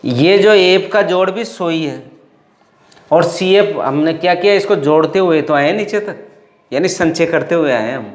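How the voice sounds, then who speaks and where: A man's voice: fairly high pitch, expressive, unhurried, reverberant. A man with a Rajasthani Hindi accent teaching a maths lesson, patiently explaining each step and repeating sums aloud. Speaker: math teacher. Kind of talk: classroom math lesson.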